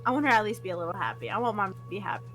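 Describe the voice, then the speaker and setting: A young woman streaming a game, excitable and casual, swearing and talking over her co-player. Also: mid-range voice, rapid-fire, soft background music. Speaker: gaming streamer. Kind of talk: casual let's-play chat.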